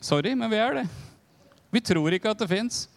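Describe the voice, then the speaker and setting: A male preacher delivers a teaching in a frank, conversational way. His voice sits high, and he breaks off into quick asides and questions to the congregation. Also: animated, vocal fry. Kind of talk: sermon teaching.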